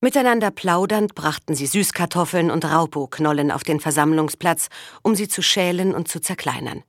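A woman narrating an audiobook in a steady, measured reading. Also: low voice, no echo, clean studio sound.

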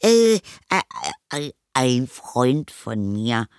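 A man's voice: medium pitch, big pitch swings, extremely slow, clean tone, dry recording, studio quality, voice pushed up. A man reading an audiobook and voicing a nervous young boy who stammers out excuses. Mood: flustered. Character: young boy, flustered and evasive. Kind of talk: audiobook character voice.

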